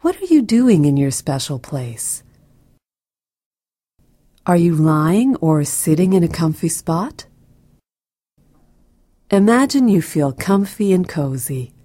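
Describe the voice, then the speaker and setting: Woman, soft and breathy, slow unhurried pace, mellow tone, gentle guided meditation narration, expressive melodic pitch. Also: dry recording, studio quality. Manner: soft, soothing, gentle delivery with breathy, near-whispered phrases. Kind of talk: scripted guided relaxation narration.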